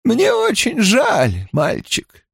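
A man reads an audiobook, voicing a stern, weary grey-haired old woman who scolds at first and then turns tired and guarded. He pitches his voice very high, well above his own, with wildly swooping pitch, an extremely slow pace, vocal fry and a husky, fairly bright tone in a heavily acted performance. The clean studio recording has no echo.

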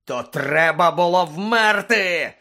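A man reading an audiobook, voicing a vengeful male wizard who roars and rasps with contempt. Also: mid-range voice, a little slow, pushed and bright. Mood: furious. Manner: roaring, hoarse, contemptuous. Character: furious vengeful male wizard, roaring and hoarse.

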